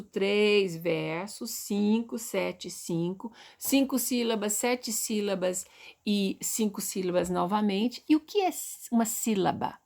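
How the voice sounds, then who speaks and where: A Brazilian woman teaching poetry in a lesson video, asking questions and answering them herself, sounding out example words slowly. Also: fairly high pitch. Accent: Brazilian Portuguese. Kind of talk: explaining lesson to viewers.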